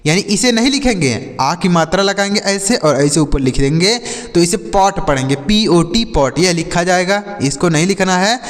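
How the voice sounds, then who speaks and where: A man's voice: sits high, normal speed, big-room sound. A man teaching English phonics in a patient, repetitive way, asking questions and answering them himself. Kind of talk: Hindi-language phonics lesson.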